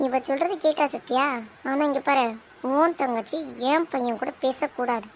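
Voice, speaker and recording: A bossy middle-aged aunt from a cartoon soap drama, played by a woman in a high voice. She lectures and scolds, always sure she is right. Faint noise is heard underneath. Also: moderate pace, natural voice. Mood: scolding. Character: domineering middle-aged aunt and mother-in-law-to-be.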